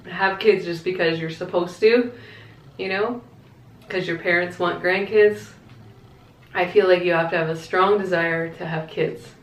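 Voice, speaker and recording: A woman vlogger chatting casually to camera and answering viewer questions in a candid, reflective, conversational way. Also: fairly low pitch. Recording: echoey, roomy sound.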